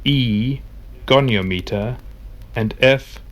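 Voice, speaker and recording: A man giving formal, scripted narration, deliberate and measured. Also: mid-range voice.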